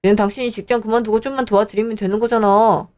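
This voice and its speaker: A woman reading a scripted radio drama as narrator and wife, in a sharp, indignant way. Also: a little high, fairly even intonation, fast.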